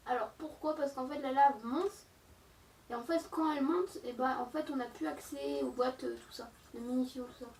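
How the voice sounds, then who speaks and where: Nursing a slight cold and a sore throat, a young woman who makes gaming videos on YouTube gives casual gameplay commentary, her chat to viewers packed with fillers. She speaks at normal speed in a high-pitched, darkish voice. The low-quality recording is roomy and made from a distance.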